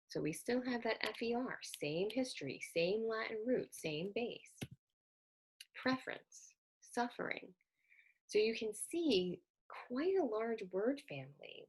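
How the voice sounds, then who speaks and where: A woman presenting a lecture on word structure, explaining slides patiently, spelling out letters and pausing with ums. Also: on the high side, breathy edge. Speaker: literacy educator presenting slides.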